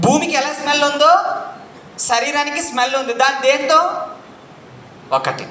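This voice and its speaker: High, bright-voiced male spiritual teacher. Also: fairly even intonation, moderate pace, a little hiss or hum. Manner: quizzes the audience, urges loud answers; repeats key points like a chant. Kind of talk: interactive spiritual lecture. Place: room with a live audience. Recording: echoey room.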